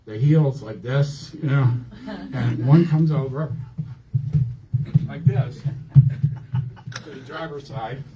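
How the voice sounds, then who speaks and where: A man's voice: mid-range voice, takes it slowly, long pauses, very noisy. An older man doing a stand-up set on a comedy club stage with a handheld mic, telling rambling, self-deprecating stories. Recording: dull lo-fi club recording.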